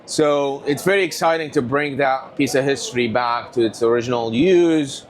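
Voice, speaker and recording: A man from Tunisia, telling stories as an animated guest in a casual interview. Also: mid-range voice, normal speed, a little hiss or hum. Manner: animated, rambling storyteller. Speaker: whiskey company owner, guest.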